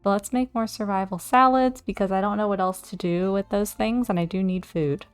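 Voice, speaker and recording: A woman hosting a let's play, chatting casually to herself as she plays, and easily excited. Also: medium pitch, fairly quick, clean tone, faint music behind. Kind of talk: casual gameplay commentary.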